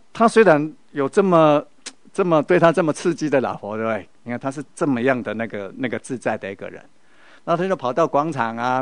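A middle-aged man with a Taiwanese Mandarin accent delivers a Buddhist lecture in a medium-pitched voice. He tells stories and keeps checking in with his listeners through rhetorical questions. The recording is dry, with almost no room sound. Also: no echo. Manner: storytelling, with many rhetorical questions to the audience. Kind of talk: spiritual lecture.

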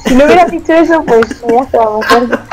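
Teasing woman, higher voice. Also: fast talker, crowd noise, rough recording. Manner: short replies, teasing, laughs. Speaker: co-player. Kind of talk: casual chat while gaming.

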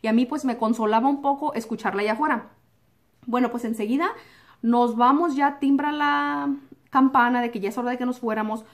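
Animated storyteller woman, fairly high voice. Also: fairly quick. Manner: animated, acts out quotes and sound effects like "pum"; drops English words into Spanish. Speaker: vlogger. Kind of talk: personal storytelling to camera.

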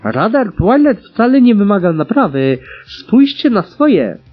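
A man's voice: high-pitched, big pitch swings, unhurried, breathy edge, faint music behind, voice pushed up, heavily acted. A man voicing an alarmed young female pegasus pilot who talks in an urgent, insistent way. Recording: dull lo-fi recording.

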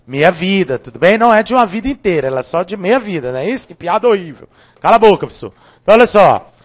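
High-voiced joking Brazilian chemistry teacher. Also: male voice, quick pace. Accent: Brazilian Portuguese. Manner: joking, lively, keeps checking in with students. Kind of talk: live online review class.

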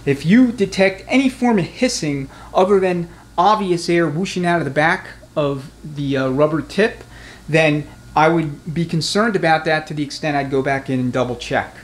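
A man with a fairly high-pitched voice talks at a moderate pace as he demonstrates transmission work hands-on, plainly and conversationally. He's a mechanic and instructor recording in an indoor garage workshop where the sound echoes and background noise is clear.

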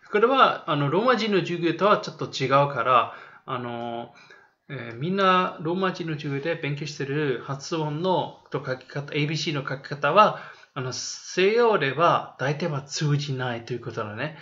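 A man runs a review lesson for young students, explaining in Japanese and drilling each word twice. His voice is fairly high and bright. The recording is dull and lo-fi. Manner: explains slowly in Japanese, then says and repeats English words. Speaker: English teacher.

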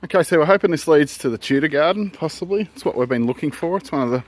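A man's voice: a little high, fast. Man narrating a garden walk outdoors. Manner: relaxed, chatty, narrating as he walks. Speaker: travel vlogger. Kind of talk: casual walking commentary. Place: outdoors in large public gardens.

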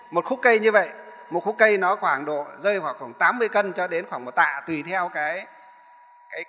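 A man's voice: high-pitched, fairly bright tone, a little hiss or hum. A man, a Buddhist monk, telling a story in a sermon, rambling and often repeating or correcting himself. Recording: echoey hall.

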